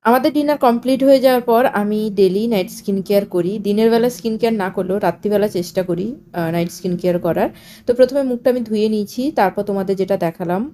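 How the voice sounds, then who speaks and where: A female vlogger with a Bengali accent and a mellow, medium-pitched voice chats casually with her viewers, explaining things in a talkative style and mixing in English words.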